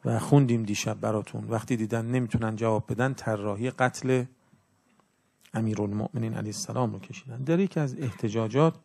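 A man preaching a religious sermon in an earnest, instructive way, with his loudness swinging up and down. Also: on the low side, gravelly.

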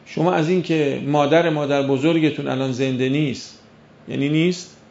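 A man's voice: a little high, steady tone, gravelly, darkish tone. A man preaching a sermon who keeps firing rhetorical questions at the audience and acts out the voices of imagined doubters. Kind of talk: religious sermon. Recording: dull lo-fi recording.

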